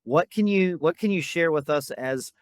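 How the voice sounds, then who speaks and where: A man's voice: on the high side, normal speed, dry recording. A man hosting a podcast, putting thoughtful, searching questions to his guest, close to the mic. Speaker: podcast host. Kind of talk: conversational podcast interview.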